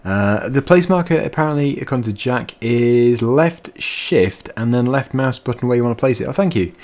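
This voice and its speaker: A man's voice: medium pitch, animated, normal speed, darkish tone. A man giving chatty, rambling commentary while playing a video game. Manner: chatty, rambling, laughs easily. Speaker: let's play gamer. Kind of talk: casual gameplay commentary.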